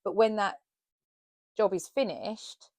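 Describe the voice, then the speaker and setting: A thoughtful woman speaks in a reflective, measured way in a casual chat, her voice at a middle pitch. The recording is dry and close, with hardly any room sound. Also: darkish tone, no room sound. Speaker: podcast co-host, actor and counsellor.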